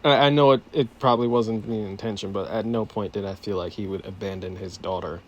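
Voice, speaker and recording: Low-voiced man chiming in. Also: steady tone, fairly quick, lo-fi sound, a little hiss or hum. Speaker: podcast co-host. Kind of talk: casual film analysis chat.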